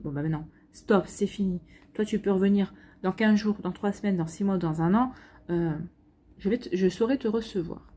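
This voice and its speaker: A woman's voice: mid-range voice, dark tone. A woman with a French accent giving a casual weekly tarot reading, chatty, with many fillers and slangy asides. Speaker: tarot reader.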